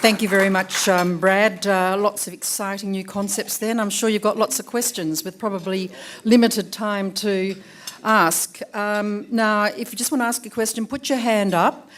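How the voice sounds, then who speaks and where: A woman's voice: medium pitch, steady tone, normal speed, a faint crowd, slight background noise. An Australian woman hosting an event's question time, chatty and joking as she coaxes the audience to ask questions. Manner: chatty, jokey, coaxing the audience. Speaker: luncheon host running questions. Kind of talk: moderating a Q&A. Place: hotel function room.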